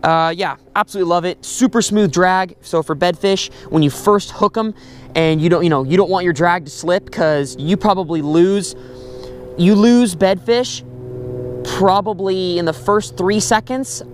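A young man talking through his fishing gear and catches on a pond shore, chatty and excitable, recorded on a head-mounted camera. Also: sits high, normal speed, a little hiss or hum. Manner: excitable, chatty, with many fillers. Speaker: fishing vlogger. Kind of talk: casual outdoor fishing commentary. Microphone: head-mounted action camera.

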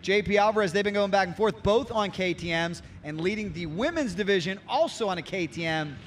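A man commentating live on a race as an excitable, showy announcer. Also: high-pitched, brisk, slight background noise.

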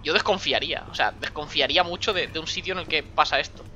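A man's voice: on the high side, fast talker, noisy background. A young man from Spain giving sarcastic running commentary on a horror game, breaking into sudden screams. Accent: Spain Spanish. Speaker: gaming streamer.

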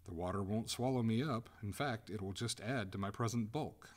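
A man's voice: fairly low pitch, normal speed, pitched above the performer's own voice, lightly acted. A man voicing a female water ghost, a haughty lady given to imploring, in a storybook reading. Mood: haughty, reluctant. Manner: formal, melodramatic, imploring.

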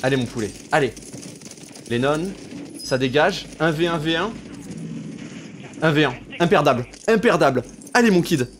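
A young man with a high, bright-pitched voice calls the match live on stream, slangy and hyped, breaking into cheers and shouts at the big plays. He talks into a gaming headset, with a faint hiss behind him. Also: animated, normal speed, pauses often. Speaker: streamer casting a tournament. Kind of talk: live-stream reaction commentary.

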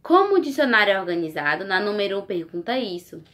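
A woman teacher, talking young children through a lesson in a slow, coaxing, sing-song way and checking in with them often. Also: medium pitch, very animated, fairly bright tone. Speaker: primary school teacher.

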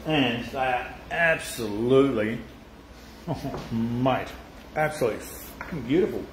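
A man's voice: mid-range voice, unhurried, background noise. An Australian man hosts a casual live cooking stream with a mid-range voice. His talk is loose and chatty, full of swearing and laughter. The sound bounces around an echoey room. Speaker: cooking channel host.

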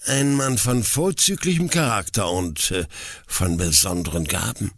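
A man's voice: unhurried, no room sound, clean studio sound. A man voicing a stern, angry middle-aged head forester who confronts his daughter's suitor. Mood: probing. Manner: furious, accusing, voice rising high.

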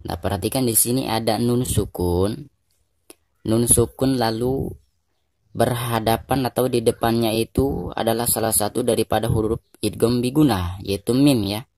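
An Indonesian man teaching Quran recitation rules, explaining patiently and repeating each point, then slowing down to chant drawn-out examples. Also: medium pitch, steady tone, a little mellow, no echo, studio quality. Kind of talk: tajwid lesson with recited examples.

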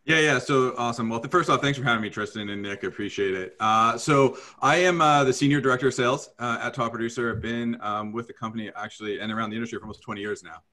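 A man's voice: medium pitch, fast talker, hardly any pauses, sharp tone. A man in his forties, a sales director guesting on a webinar, friendly and self-deprecating. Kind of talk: casual webinar interview.

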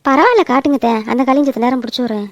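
A woman's voice: sits high, expressive, racing, dry recording, studio quality, voice pushed down. A woman voicing a patient, dutiful young daughter-in-law in a cartoon. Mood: soothing. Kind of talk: cartoon voice acting.

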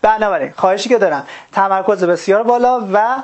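A woman teaching a recorded math lesson. She explains step by step, puts questions to her students and answers them herself, and often fills pauses with "uh". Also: medium pitch, a little mellow, lo-fi sound. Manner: frequent "uh" fillers while thinking; addresses students directly, urges them to work along.

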